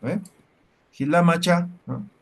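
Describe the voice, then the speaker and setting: A man's voice: on the high side, slow pace. A man teaching a language class. He explains step by step and keeps checking with the students through short questions. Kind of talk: classroom lecture.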